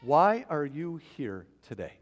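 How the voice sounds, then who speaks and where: A man's voice: on the high side, big pitch swings, a little slow, highs cut off. A man preaching a sermon as pastor, talking to the congregation in a loose, conversational way with frequent asides. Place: church sanctuary. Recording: long reverb of a church hall.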